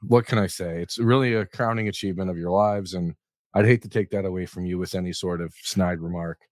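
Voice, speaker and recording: A man's voice: low voice, fairly even intonation, a little fast, no echo. A man co-hosting a sports podcast, dry and sarcastic, talking in loose rambling runs. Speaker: podcast co-host. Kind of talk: casual sports podcast banter.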